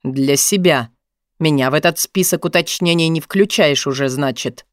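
A woman's voice: low-pitched, moderate pace, no echo, studio quality, voice pushed down, lightly acted. A woman voicing a growling domineering man. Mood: pressing. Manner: growling, mocking, pressing. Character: domineering wealthy man, tense and harsh.

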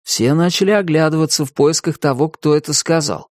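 A man narrating a children's storybook in an even, expressive reading. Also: on the high side, brisk, no room sound, clean studio sound. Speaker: audiobook narrator.

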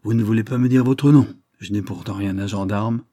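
A man's voice: fairly low pitch, brisk, dark tone, no echo, lo-fi sound, lightly acted. Man voicing a wry, mock-formal young engineer. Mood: teasing. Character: ironic, ceremonious young male engineer.

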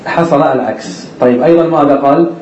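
A man's voice: fairly high pitch, fast talker, darkish tone, reverberant, slight background noise, low-quality recording. A man teaching an Arabic grammar class, who explains step by step, asks the students questions and repeats the key words.

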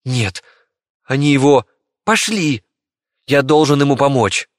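A man's voice: mid-range voice, expressive, a little slow, no room sound, clean studio sound, pitched above the performer's own voice, lightly acted. A man voicing a desperate young boy who pleads in a strained voice. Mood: insistent.

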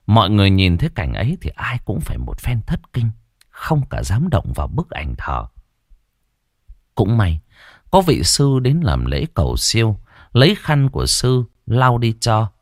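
A man narrating a ghost story dramatically, with long pauses. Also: on the low side, dry recording, clean studio sound.

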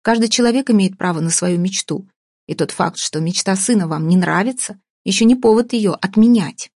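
A woman reading an audiobook voices a frank, guileless young woman who speaks earnestly and openly, with a husky tone. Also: mid-range voice, moderate pace, a little mellow, no echo, clean studio sound, close to an everyday voice.

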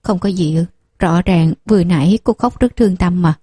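A nosy older woman who needles and pries, read by a woman storyteller. The voice stays dark-toned and husky. It sounds dry and close to the mic. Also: on the low side, normal speed, no echo. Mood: prying.

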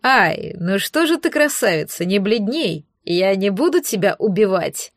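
A woman's voice: medium pitch, sing-song, measured pace, no echo, clean studio sound. A woman voicing a male soldier-mage who speaks in a mocking, oily, threatening way in an audiobook. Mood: sneering. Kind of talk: audiobook character voice.

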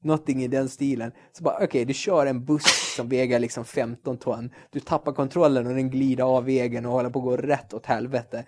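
A man's voice: mid-range voice, fairly even intonation, hardly any pauses, background noise. A man co-hosting a podcast, ranting and swearing in casual chat, acting out quoted lines. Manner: swears a lot, rants animatedly, acts out quotes. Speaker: podcast co-host.

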